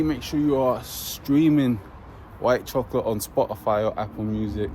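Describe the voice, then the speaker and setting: A man's voice: medium pitch, darkish tone. A young man giving casual, enthusiastic commentary on cars and bikes at an outdoor pub car meet. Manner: enthusiastic, chatty car talk. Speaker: car vlogger. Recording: outdoor recording with traffic noise. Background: passing cars and motorbikes.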